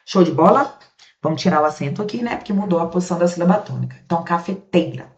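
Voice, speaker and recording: A woman's voice: lowish voice, lively intonation, fast talker. A woman with a Brazilian Portuguese accent teaching a grammar lesson, asking and answering her own questions with casual check-ins to the class. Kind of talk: grammar lecture. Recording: roomy, dull lo-fi sound.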